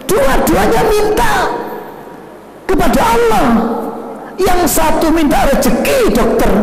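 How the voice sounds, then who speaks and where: Gravelly, high-voiced male preacher. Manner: animated, swinging between loud emphatic shouts and low drawn-out phrases. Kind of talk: sermon. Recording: echoey room with music behind.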